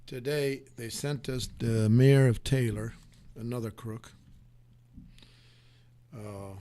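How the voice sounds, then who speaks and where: A man's voice: mid-range voice, fairly even intonation, takes it slowly, mellow. An older man hosting a casual interview, blunt and teasing, mixing words into his English. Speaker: show host.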